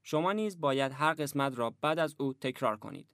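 Smooth, dry-voiced male lesson narrator. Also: mid-range voice, no room sound. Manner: measured, even, instructive. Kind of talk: scripted instruction.

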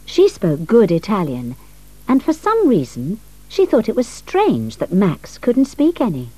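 A woman narrating a story in a calm, measured reading. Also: on the low side, no room sound, rough recording.

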